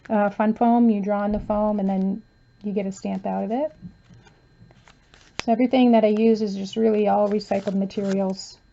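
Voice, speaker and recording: Paging through a journal she made by hand, a woman offers soft, casual remarks sprinkled with "um" and "uh" while her voice fades to hoarseness and she clears her throat. Her pitch is medium, and the muffled recording has a faint hiss or hum.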